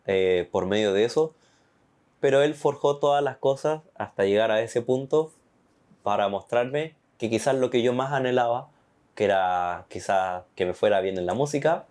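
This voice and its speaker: A young man with a Chilean accent giving an earnest, animated personal faith testimony. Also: on the low side. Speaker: testimony guest.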